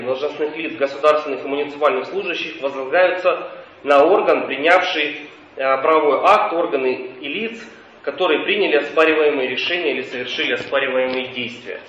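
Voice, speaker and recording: A man's voice: a little high, a bit bright. A man making a formal, legalistic argument as a claimant's representative in court, recorded on a dictaphone. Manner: formal, legalistic, deliberate phrasing. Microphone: dictaphone far from the speaker. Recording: muffled echoey courtroom dictaphone, distant, faint noise.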